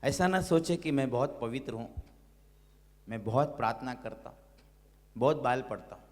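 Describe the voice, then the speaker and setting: एक पुरुष पादरी, जो उपदेश देते हुए हालेलुया दोहराते हैं और लोगों से ऊंचे, भावुक स्वर में प्रार्थना करवाते हैं।. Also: male voice, medium pitch, normal speed. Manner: exhorting, repeats hallelujah; leads a loud impassioned prayer. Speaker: pastor. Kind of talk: sermon. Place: church hall. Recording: long reverb of a church hall.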